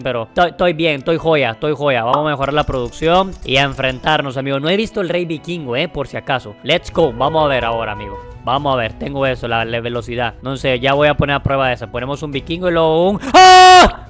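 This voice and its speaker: A young man giving chatty gameplay commentary, excitable and talking straight to his viewers. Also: on the high side. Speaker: gaming youtuber. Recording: faint game music behind.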